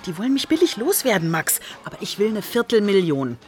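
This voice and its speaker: Woman acting as an impulsive journalist, radio drama, lively pitch, probing, quick questions. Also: soft background music, natural voice. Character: impulsive, curious woman reporter.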